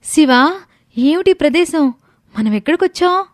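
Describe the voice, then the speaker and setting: A woman voicing an anxious, caring young woman in an animated storybook, speaking in a worried, questioning way. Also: high voice, a little slow, dry recording, clean studio sound. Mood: uneasy.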